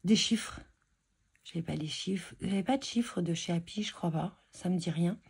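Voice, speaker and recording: Speaking at a moderate pace in a fairly low, slightly mellow voice with vocal fry, the scrapbooking vlogger displays what she bought. Her casual chat is hesitant and packed with fillers and restarts, over slight background noise.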